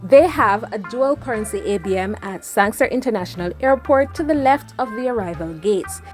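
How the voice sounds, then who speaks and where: A woman's voice: mid-range voice, animated, normal speed. A woman narrating a scripted advice vlog in an upbeat, tidy, step-by-step manner. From Jamaica. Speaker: travel vlogger and host. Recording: voice-over with music behind.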